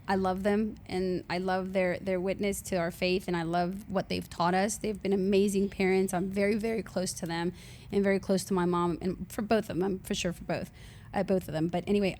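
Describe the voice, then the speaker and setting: A woman in her forties from Honduras, a native Spanish speaker, chatting warmly as a guest and often laughing as she shares her testimony. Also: mid-range voice, a little hiss or hum. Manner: warm, chatty, laughs often between sentences. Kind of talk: casual faith testimony.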